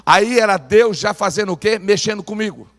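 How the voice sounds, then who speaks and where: A Brazilian pastor preaching a lively sermon in church, urging the congregation to repeat phrases aloud. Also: male voice, high voice, brisk. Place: church sanctuary. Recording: church hall reverb.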